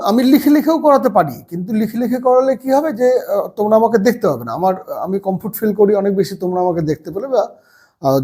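Patient teacher drilling a class. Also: male voice, high voice, warm tone. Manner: slow, patient word-by-word drilling. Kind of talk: children's reading lesson. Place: seated at a table.

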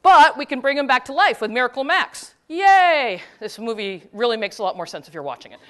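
A woman giving a conference talk, retelling a story with quick, animated asides. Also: a little high. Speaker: conference speaker; teacher.

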